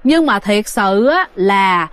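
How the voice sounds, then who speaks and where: A woman's voice: medium pitch, expressive, takes it slowly, fairly bright tone, clear, resonant tone, dry recording. A woman casually telling a ghost story, chatting directly to her listeners. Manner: chatty, addresses listeners directly, many fillers.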